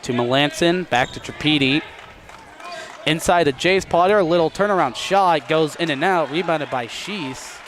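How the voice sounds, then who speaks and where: A man's voice: on the high side, normal speed, a bit bright, slight background noise. A man giving informal, conversational live play-by-play commentary on a local basketball game. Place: courtside in a school gym.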